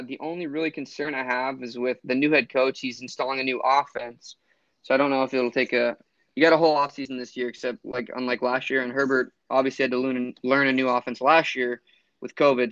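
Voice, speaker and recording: A man's voice: mid-range voice, level tone, a little fast, fairly bright tone, no echo, lo-fi sound. A man co-hosting a sports podcast, rambling with fillers and restarts. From Florida. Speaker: podcast co-host. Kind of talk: casual sports chat.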